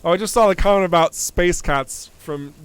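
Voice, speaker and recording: A man's voice: sits high, moderate pace, clear, resonant tone, no echo. A young man, a game developer, giving playful live-stream commentary while playing, chatting with viewers and laughing often.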